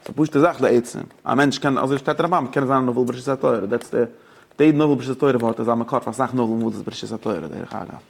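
Speaking fast in a husky, mid-range voice with vocal fry, a man teaches religious law in a lively study-hall lecture. He blends German, English and Yiddish, sprinkles in rabbinic terms and questions his audience.

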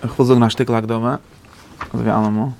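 A man teaching a Torah class in a casual lecturing way, often rising to high emphatic peaks. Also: level tone, fast, creaky, darkish tone, a little hiss or hum. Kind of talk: Yiddish-flavored Torah class.

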